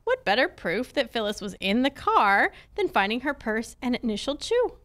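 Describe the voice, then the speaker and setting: Reading her script into a handheld-style microphone on a stand, a woman plays a confident, wry female detective in a live stage performance of an old-time radio drama. Her voice is on the high side, very animated and a bit bright, at normal speed, and she explains with confidence.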